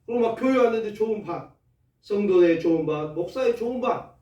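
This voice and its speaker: A Korean pastor with a preaches in a folksy, lively way, throwing rhetorical questions at his congregation. His voice sits high for a man. It rings through an echoey church hall and sounds a little distant from the mic. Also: fairly quick, lo-fi sound. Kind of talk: sermon. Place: church sanctuary.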